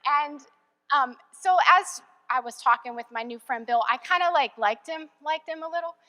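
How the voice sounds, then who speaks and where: Young woman telling her church testimony, chatty and full of "like"s, kinda high pitched, echo hangs in the room. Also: moderate pace, pushed and bright. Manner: chatty, many fillers like "like" and "um". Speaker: church member sharing testimony. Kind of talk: personal testimony.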